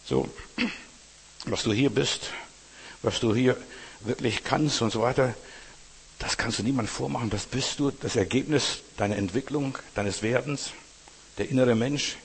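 A man's voice: medium pitch, unhurried, long pauses, breathy edge. A man preaching a sermon in an earnest way, speaking straight to the listener and often repeating words. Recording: long hall reverb.

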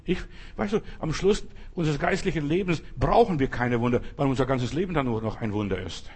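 A man's voice: medium pitch, a little fast, darkish tone, husky. A man preaching a sermon at a church service, emphatic and speaking straight to his listeners. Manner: emphatic, addresses listeners directly.

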